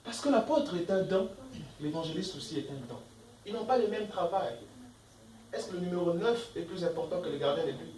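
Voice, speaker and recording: High-voiced preaching man, echoey church. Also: expressive, fairly quick, darkish tone, recorded from a distance, slight background noise. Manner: emphatic, asks the congregation questions; reads scripture verses aloud between comments. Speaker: pastor. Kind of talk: sermon.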